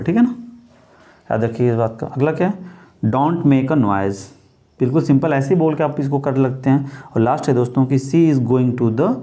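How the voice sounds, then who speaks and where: A man's voice: fairly high pitch, darkish tone. A man teaching grammar in Hindi, asking rhetorical questions and calling his viewers friends. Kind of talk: Hindi-English grammar lesson.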